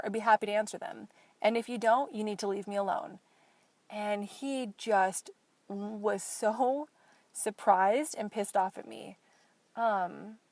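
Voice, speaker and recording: A young woman talks alone in her car, frank and fed up, swearing as she vents. Her voice sits at an ordinary middle pitch. The sound is dry and close, with no room around it. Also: a little mellow, no room sound. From Portland, Oregon. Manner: frank, exasperated storytelling with swearing. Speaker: podcast host. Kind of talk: casual solo chat. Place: inside a parked car.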